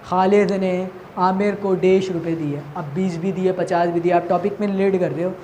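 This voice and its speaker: A woman's voice: lowish voice, steady tone, mellow. A woman teacher from Pakistan with a Pakistani Urdu accent, giving a recorded lesson to children, asking questions and answering them herself. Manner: asks questions and answers them herself, repeats key points. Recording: faint background noise.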